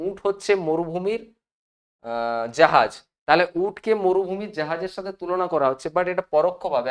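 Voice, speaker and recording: A teacher with a West Bengal accent gives an exam-prep lesson, often pausing to check that students follow and spelling out English answers word by word. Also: mid-range voice. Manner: mixes English terms into explanations.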